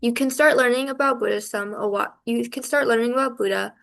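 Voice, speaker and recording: A woman's voice: fairly high pitch, brisk, gravelly, a bit bright. A woman reading a prepared lesson as a student presenter in a class. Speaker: student presenter and quiz asker.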